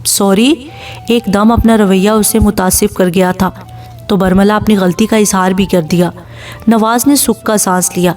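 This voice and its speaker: A woman's voice: mid-range voice, fairly even intonation, a little mellow. Woman narrating an audio novel. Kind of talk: scripted story narration. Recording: distant mic with faint background music. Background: faint music.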